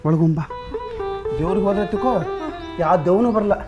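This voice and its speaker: A man with a North Karnataka Kannada accent acting in a comic sketch, talking in a fast, panicky way. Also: sits high, over loud music. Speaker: comedian.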